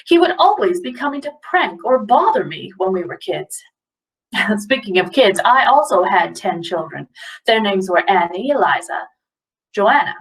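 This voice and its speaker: A woman's voice: mid-range voice, distant mic, low-quality recording. Woman playing a forgetful old-time ghost mother. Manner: rambling, scatterbrained, loses her train of thought. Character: chatty forgetful ghost of a 19th-century mother. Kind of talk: first-person historical monologue.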